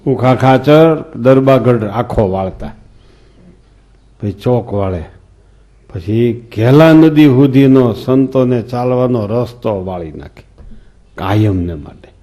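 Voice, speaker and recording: A man with a dark, mid-range voice and lively intonation talks slowly as he delivers a swami's scripture discourse. His sermon leans on folksy stories and questions for the listeners.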